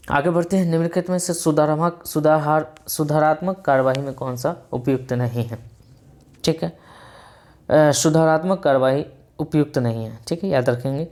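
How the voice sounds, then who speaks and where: A man's voice: medium pitch, a little mellow. A male teacher going through exam questions with students, repeating each answer and often checking in with them. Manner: repetitive, keeps saying "ठीक है" and addressing students affectionately. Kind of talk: exam revision lesson.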